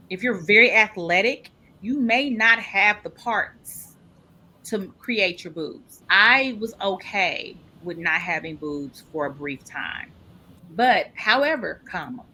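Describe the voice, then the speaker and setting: A woman being interviewed casually recounts her own experience with candor and energy. Her medium-pitched voice sounds pushed and bright, with a slight roughness.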